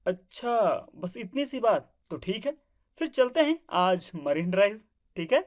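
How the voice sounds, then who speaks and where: A woman's voice: medium pitch, sing-song, a little slow, darkish tone. A woman voicing a shy young husband who grumbles and tries to placate his wife. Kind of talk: family drama acting.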